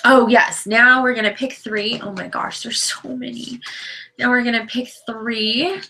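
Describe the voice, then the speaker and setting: A woman giving a live tarot reading, earnest and emotional, reading card texts aloud and often dropping to a soft whisper. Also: on the high side, steady tone, unhurried, creaky, low-quality recording. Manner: spiritual, chatty, reads card texts aloud. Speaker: tarot reader.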